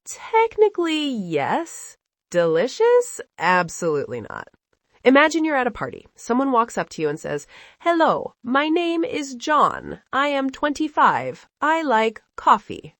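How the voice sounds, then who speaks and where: A woman's voice: sits high, wildly swooping pitch, measured pace, a bit bright, no room sound, clean studio sound. Playful American woman teaching English. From United States. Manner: playful, teasing, upbeat. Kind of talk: scripted conversation lesson.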